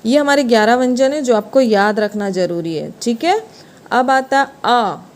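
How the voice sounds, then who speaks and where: Woman teacher going over grammar, kinda high voice, asks then answers her own questions. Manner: explains step by step, asks questions and answers them herself; sounds out letters slowly. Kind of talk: classroom-style grammar lesson.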